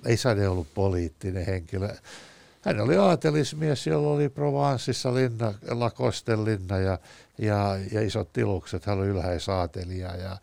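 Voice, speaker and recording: A man's voice: lowish voice, creaky, dark tone, no echo. A man, a guest author on a talk show, discussing ideas in a thoughtful, anecdotal way with frequent hesitations.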